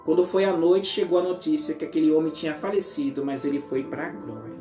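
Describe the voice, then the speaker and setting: Guy with a high voice giving a teary preached testimony, echoey hall, soft music behind. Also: a little fast. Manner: emotional, voice often sinking to a hush. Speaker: apostle preaching.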